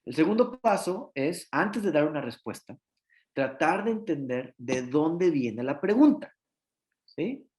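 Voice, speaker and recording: A man's voice: fairly high pitch, very animated, measured pace, darkish tone. A man giving a conversational pediatrics lecture, often ending points with tag questions and acting out parent and child dialogue. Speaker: pediatrician giving an academic talk.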